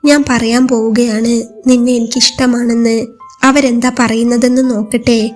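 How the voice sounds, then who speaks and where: Woman voicing a gentle young man lover. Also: very high voice, normal speed, faint music behind. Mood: tender. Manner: soft, steady, reassuring.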